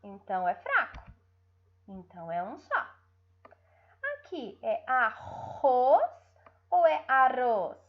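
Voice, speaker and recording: A Brazilian woman teacher speaks in a bouncy, sing-song voice on a dull, lo-fi recording. She talks slowly and stretches out her syllables, pausing often to check that her young pupils follow. Her voice sits a little higher than most women's. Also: very animated. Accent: Brazilian Portuguese. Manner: drawn-out syllables, frequent checking tags. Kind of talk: online lesson for young pupils.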